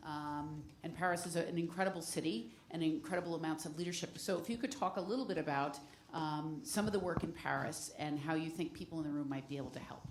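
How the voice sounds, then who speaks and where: A woman's voice: low-pitched, quick pace, few pauses, slight background noise. A woman moderating a panel discussion, speaking conversationally with frequent fillers.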